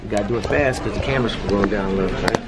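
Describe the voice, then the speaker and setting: A man's voice: fairly low pitch, very fast. A man in middle adulthood chatting casually over food, joking and coaxing, often repeating himself. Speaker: vlogger doing a food challenge. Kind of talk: casual chat while eating. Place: booth in a busy restaurant. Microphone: camera across the table. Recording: busy restaurant crowd noise.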